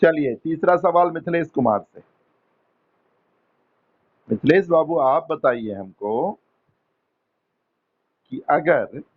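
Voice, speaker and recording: A man runs an English class and quizzes students one at a time. He speaks slowly and patiently, coaxing answers and teasing a little. The sound is muffled and lo-fi. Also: on the high side. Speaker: English teacher.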